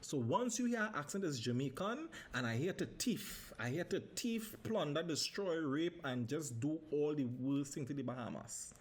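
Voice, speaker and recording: Talking at a moderate pace with few pauses, this Trinidadian podcast host in his thirties has a fairly high, expressive voice. He hosts solo in a casual style, swearing freely and slipping into Caribbean dialect.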